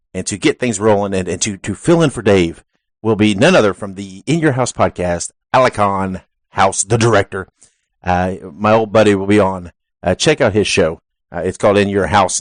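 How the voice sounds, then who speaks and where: A man's voice: on the low side, lively intonation, normal speed, no room sound. A man hosting a wrestling podcast, reading show announcements and promos in a rambling way that corrects itself as it goes, speaking into a headset. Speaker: podcast host.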